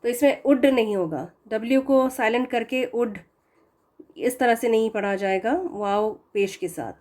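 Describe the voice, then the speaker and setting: Female teacher, somewhat high pitch, patient explainer who drills words slowly. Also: darkish tone. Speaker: Quran recitation teacher. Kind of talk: explaining pronunciation lesson.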